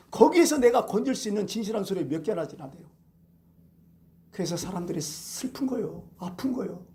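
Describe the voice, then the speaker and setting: A male pastor preaching a Sunday sermon, telling stories and asking the congregation rhetorical questions. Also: sits high. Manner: animated storytelling with rhetorical questions.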